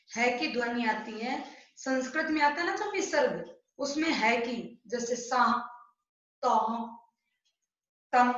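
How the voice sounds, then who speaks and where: A woman teacher with a slightly high voice talks slowly and patiently, explaining each step and asking her pupils questions. Her voice rings with heavy echo in a bare room. The sound is dull and muffled, like a home recording. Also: a bit bright. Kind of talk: online Hindi grammar lesson.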